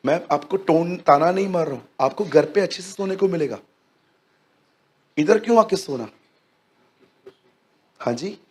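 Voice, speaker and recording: A man preaching a sermon in a church hall, lively and joking with the congregation. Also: on the high side. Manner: lively, joking with the congregation, acts out little scenes. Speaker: pastor.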